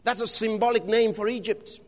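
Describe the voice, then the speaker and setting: A man preaching a fervent sermon, reading scripture aloud, calling out to the congregation and shouting refrains, at times slipping into speaking in tongues. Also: high-pitched, fairly even intonation, normal speed. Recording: long hall reverb.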